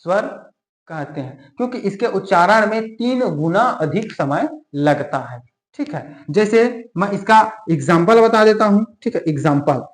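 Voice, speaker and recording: Slow, drawling male teacher, echoey. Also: high-pitched, lively intonation. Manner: drawls key terms slowly word by word, adds frequent check-ins. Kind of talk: exam-prep grammar lesson. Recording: echoey room.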